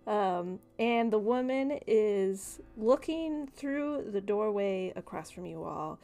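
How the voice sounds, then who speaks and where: A woman's voice: medium pitch, animated, slow, mellow, faint music behind. A woman narrating as game master in a casual, hesitant way.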